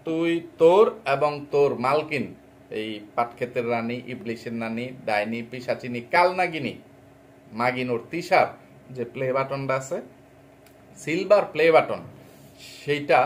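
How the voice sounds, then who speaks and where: A man's voice: mid-range voice, slight background noise. Man ranting with insults. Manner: insulting, scolding, mocking. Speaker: reaction vlogger. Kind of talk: angry rant.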